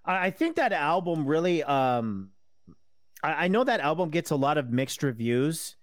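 A man in his thirties talking casually as a guest, rambling and halting with many fillers and restarts. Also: a little high, big pitch swings, no room sound, clean studio sound. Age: 30s. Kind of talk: casual conversation.

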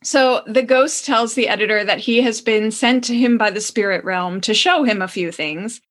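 A woman's voice: a little high, normal speed, fairly bright tone. Amused woman podcast storyteller. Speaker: podcast co-host.

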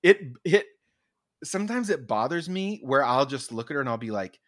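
Animated man, lively podcast chatter. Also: mid-range voice, a little fast, dry recording, studio quality. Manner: animated, full of restarts and mock quotes. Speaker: podcast co-host. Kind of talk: casual chat.

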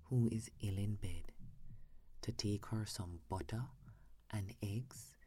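A man voicing a sweet, trusting little girl in a softly whispered bedtime story. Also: lowish voice, fairly even intonation, slow pace, a little hiss or hum. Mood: innocent. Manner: soft whispered bedtime delivery.

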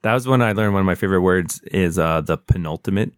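Deep-voiced man casually retelling a story. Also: quick pace, dry recording, clean studio sound. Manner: relaxed, rambling storyteller. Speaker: podcast co-host.

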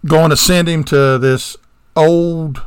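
A man's voice: on the high side, steady tone, slow pace, smooth, dry recording. A man with a Southern American accent co-hosting a podcast, retelling a movie plot in casual chat with rambling digressions and sarcastic asides. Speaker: podcast co-host.

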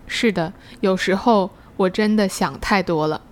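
Unhurried woman hosting a casual chat. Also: medium pitch. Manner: mixes English words into Mandarin. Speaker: host asking questions. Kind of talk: casual conversational discussion.

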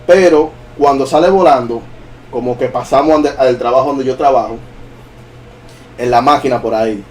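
A man in casual chat telling a paranormal experience in lively storytelling. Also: medium pitch, moderate pace, slight background noise. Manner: animated, acts out his own dialogue. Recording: distant mic with faint music.

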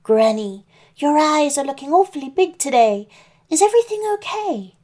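A woman's voice: high voice, sing-song, normal speed, pitched above the performer's own voice. Little Red, as a woman puts her on. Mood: innocent, curious. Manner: bright, innocent questioning. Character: cheerful sweet young girl, Little Red.

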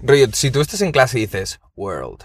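A young man with a Spanish accent from Spain hosts a laid-back podcast chat. He speaks at an ordinary middle pitch. He swears easily and addresses the listeners directly as mates. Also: big pitch swings, fairly quick, no echo. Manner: swears freely, calls listeners chavales. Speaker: podcast host.

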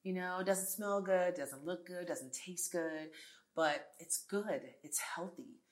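A tech entrepreneur in her forties appears as a guest in a conversational interview, speaking slowly in a low-pitched voice. She's earnest and emphatic, frequently restarting sentences and adding asides.

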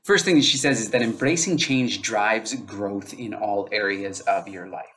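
Talking unscripted on his solo podcast, this man thinks aloud, restarting mid-sentence and filling pauses with plenty of "um"s. English is his first language. He has a fairly low, fairly bright voice and a moderate pace.

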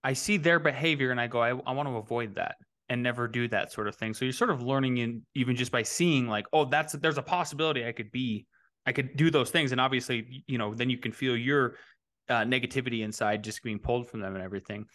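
A man's voice: mid-range voice, fast, fairly bright tone. A middle-aged man hosting a casual interview podcast, asking long questions that wander and restart as he goes. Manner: rambling, frequent restarts. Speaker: podcast host, real estate developer.

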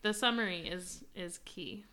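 A woman co-hosting a podcast in casual chat, wry and quick to laugh. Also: fairly low pitch. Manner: wry, laughing, reads aloud with loud emphasis. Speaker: podcast co-host.

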